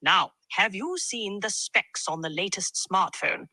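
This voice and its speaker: A woman's voice: mid-range voice, unhurried, bright, forceful tone, no room sound. An AI chatbot voice with a woman's sound, putting on a British accent as a jaunty tech enthusiast. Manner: jaunty, upbeat exclamations. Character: chipper British male-or-female tech enthusiast, gushing. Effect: synthetic AI chatbot voice.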